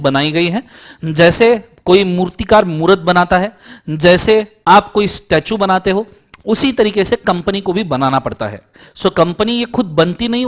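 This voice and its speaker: A young man giving an exam-prep law lecture, explaining points with everyday examples and checking in with his students. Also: sits high.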